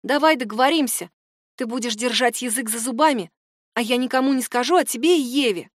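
A woman's voice: a little high, a little fast, no room sound, studio quality, natural voice. Woman reading as a tense, secretive young woman. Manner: strained, insistent.

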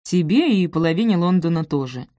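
A teasing, affectionate young man, put on by a woman narrator grumbles sleepily in a low, mumbling voice. The tone is dark and warm, recorded close and dry. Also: expressive, brisk, no room sound, close to an everyday voice. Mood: wry.

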